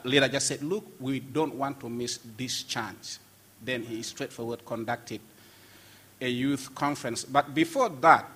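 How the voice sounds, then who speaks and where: Pastor guy telling his story, earnest, restarts a lot, sharp husky tone. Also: medium pitch. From South Sudan. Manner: earnest, emphatic, with frequent restarts and laughs. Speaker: pastor and guest. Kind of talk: testimony in conversation.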